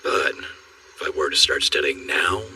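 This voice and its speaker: A burly, wry warrior in a dubbed anime, very deep yet bright and forceful in tone. He speaks in a measured, dryly humorous way, set back from the mic with faint music. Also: slightly rough, exaggerated voice. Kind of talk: anime English dub. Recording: distant voice with faint score.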